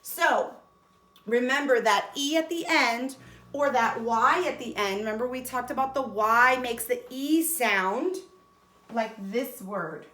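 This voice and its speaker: A woman's voice: on the high side, takes it slowly, bright, forceful tone, echoey room. A woman teacher giving a cheerful phonics lesson to young children, sounding out letters and words one by one. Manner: cheerful and encouraging.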